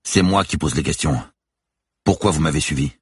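A man's voice: rumbling low, moderate pace, husky, no echo, clean studio sound, voice pushed up, exaggerated voice. A man reading an audiobook, voicing a blunt male police lieutenant who questions curtly. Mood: hard. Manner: curt, commanding, interrogating.

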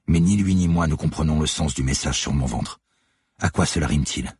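A man's voice: extremely low pitch, brisk, a little mellow, slightly rough, dry recording, exaggerated voice. A man voicing a relentless woman police detective who lays out her accusations steadily and methodically in an audiobook. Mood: accusing, cold. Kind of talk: audiobook character voice.

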